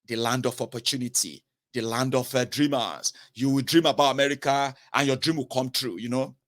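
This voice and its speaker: His voice is mid-range, steady and fairly bright, moving a little fast. A southern-accented Nigerian man in his thirties delivers emphatic direct-to-camera political commentary, questioning viewers directly and mixing in pidgin.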